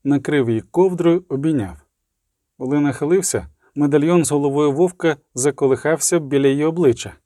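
A man reading fiction aloud as an audiobook narrator in measured, scripted storytelling. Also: fairly high pitch, warm tone, dry recording, studio quality.

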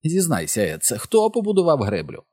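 A man's voice: on the high side, huge pitch swings, a little fast, a little mellow, no room sound, clean studio sound, pitched above the performer's own voice. A man voicing a brash, showy, wisecracking boy of about eleven in a storybook reading. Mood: teasing.

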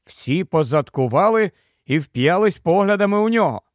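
A man narrating an audiobook in a measured storytelling manner. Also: high-pitched, expressive, no room sound, studio quality. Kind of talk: scripted narration.

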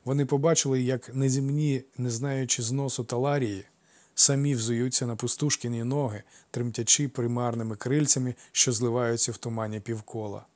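A man narrating a storybook with a measured, expressive delivery. His voice sits at a middle pitch, and he reads with steady care, giving each line clear shape. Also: no room sound. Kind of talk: audiobook narration.

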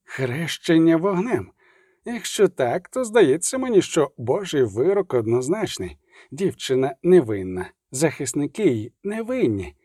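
A man voicing a calm, ironic male barber who speaks in a cool, measured way, in an audiobook reading. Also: fairly high pitch, husky, no echo, clean studio sound, exaggerated voice. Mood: calmly ironic.

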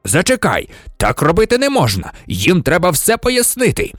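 A man voicing a calm, earnest middle-aged male teacher who speaks low and steady. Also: normal speed, no echo, studio quality, soft background music, full character voice.

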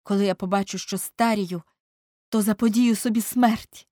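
A woman's voice: mid-range voice, steady tone, moderate pace, mellow, no room sound, clean studio sound, pitched above the performer's own voice, natural voice. A woman reading aloud voices a vain, anguished young man who dreads growing old, in impassioned, pleading speech. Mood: bitter. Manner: impassioned, rising to pleading outbursts.

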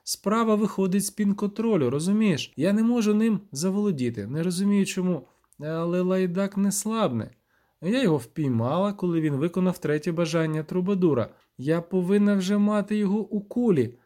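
A man's voice: high-pitched, lively intonation, a little fast, dark tone, voice pushed up. A man voicing a proud, fierce sorceress in an audiobook, urgent and imperious. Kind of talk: audiobook character reading.

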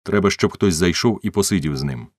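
A man voicing a rough, commanding wealthy man who talks in a gruff, domineering way. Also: low-pitched, animated, a little fast, dry recording, clean studio sound.

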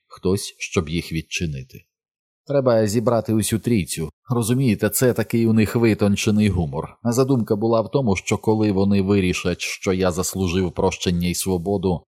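A man voicing a proud, quietly menacing male fallen angel in an audiobook, speaking softly and suavely. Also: deep voice, dry recording, studio quality. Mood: smug. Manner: soft, suave and measured.

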